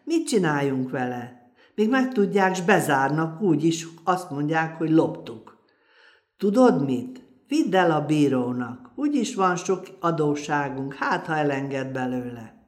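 A woman's voice: sits low, big pitch swings. A woman voicing an anxious poor peasant wife in a folk tale, fretting and lamenting as she speaks. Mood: fretful. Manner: fretful, wailing.

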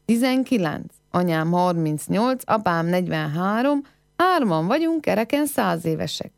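Woman voicing a sharp-witted village girl. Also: fairly low pitch, lively intonation, vocal fry, no echo, clean studio sound. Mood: pert. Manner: pert, teasing riddling replies. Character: clever, quick-witted young village girl.

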